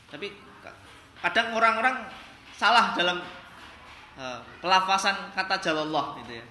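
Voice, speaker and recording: Lively male teacher in an echoey classroom. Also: a little high, slight background noise. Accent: Indonesian. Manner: lively, questions the class and drills them. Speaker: religious studies teacher. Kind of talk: classroom lesson on Quran recitation.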